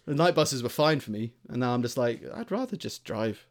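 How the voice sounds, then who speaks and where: A man's voice: medium pitch, lively intonation, brisk. A man from Greater London with a southern English accent, chatting as a podcast co-host in a rambling, jokey way with casual swearing. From Greater London, England. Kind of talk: casual comedic banter.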